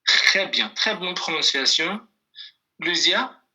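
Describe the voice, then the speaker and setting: A man teaching a language class over a video call, speaking slowly and patiently, repeating phrases and calling on students by name. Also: high-pitched, animated, sharp tone.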